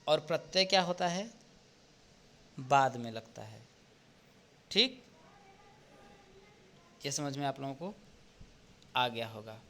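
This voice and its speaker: A male teacher going through an exam paper step by step, often pausing to check with "ठीक?". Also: medium pitch, animated, sharp tone, a little hiss or hum. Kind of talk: exam paper walkthrough lesson.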